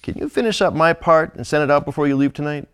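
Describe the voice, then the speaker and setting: A man's voice: on the high side, fast talker, a bit bright, clean tone, lightly acted. A man playing a coworker asking a favor. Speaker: actor in a training video. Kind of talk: workplace role-play scene.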